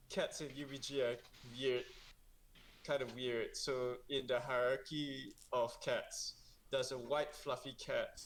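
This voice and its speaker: A man's voice: medium pitch, slight background noise, poor audio. Hesitant man playing a tabletop game. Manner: hesitant, full of restarts while planning moves. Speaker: player. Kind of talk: tabletop role-play chat.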